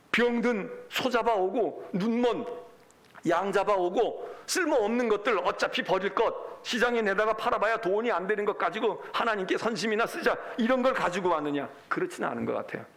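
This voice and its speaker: A male pastor delivers a Sunday sermon in a lively, high-pitched voice that rises and falls sharply. He acts out God's complaints with emphatic energy, driving his points home. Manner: animated preaching, acting out God's complaints.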